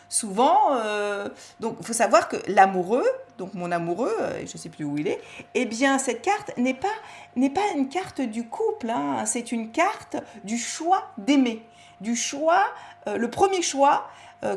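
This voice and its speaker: Hesitant French-speaking woman, higher voice. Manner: hesitant, many fillers and restarts, asks listeners questions. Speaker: personal development speaker. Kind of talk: casual spoken talk on self-love.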